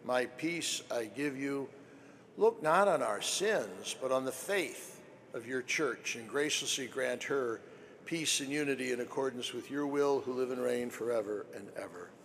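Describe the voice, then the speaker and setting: A man serving as priest, reciting prayers at Mass in a measured, formal way, his voice carried by a long cathedral reverb. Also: medium pitch, animated, a bit bright, slight background noise. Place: large church. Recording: church recording with long reverb.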